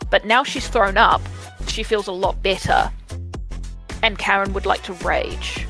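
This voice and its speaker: A woman player in a tabletop game, casual and animated as she describes her character's actions. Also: mid-range voice, unhurried, creaky, soft background music.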